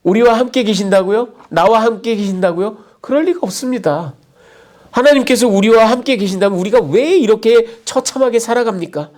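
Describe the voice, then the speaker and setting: A man's voice: high-pitched, normal speed, darkish tone, natural voice. A pastor voicing a fearful young man who protests and complains in a raised, indignant tone.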